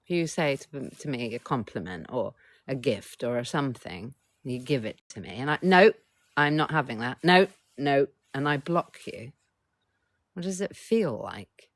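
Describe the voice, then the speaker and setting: A woman's voice: extremely low pitch, very animated, measured pace, no echo. A middle-aged woman coach hosting a casual live stream, talking bluntly, swearing freely, and keeps urging viewers to reply in the chat.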